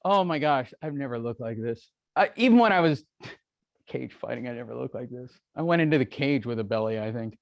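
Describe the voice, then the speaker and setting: A man's voice: mid-range voice, expressive, a little fast, gravelly, no room sound, lo-fi sound. A man coaching a real estate seminar in a brash, joking, profane way. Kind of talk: live seminar teaching.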